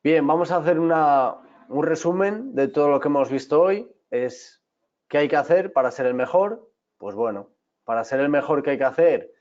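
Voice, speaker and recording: A man's voice: a little high, expressive, moderate pace, a little mellow. Guy giving a class, lots of restarts and checking in with students, kinda dull lo-fi audio. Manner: talks straight to students, with many restarts and checks. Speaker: teacher. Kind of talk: online class lecture.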